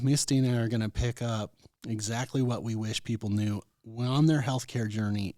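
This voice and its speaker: A man's voice: medium pitch, darkish tone, dry recording, studio quality. An American man hosting a health talk radio show as a doctor, speaking in a folksy, informal way straight to listeners.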